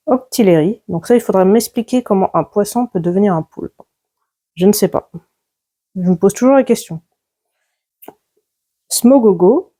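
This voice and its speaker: A woman's voice: mid-range voice, dark tone. A woman chatting casually as she opens trading card packs, listing each card as it comes out. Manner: chatty, lists cards one by one. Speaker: YouTuber opening card packs. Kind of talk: casual pack-opening commentary.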